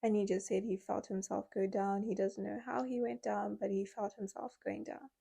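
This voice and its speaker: A woman's voice: mid-range voice, flat delivery, normal speed, vocal fry, dark tone, breathy edge, rough recording. A woman casually retelling a true crime story, recounting events with quoted speech.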